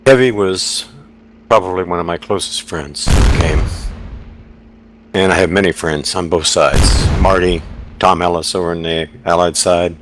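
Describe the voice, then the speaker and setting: Older man, very deep, heartfelt halting eulogy. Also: background noise. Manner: halting, heartfelt, restarts often. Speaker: eulogist in an online game memorial. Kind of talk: spoken eulogy over game voice chat.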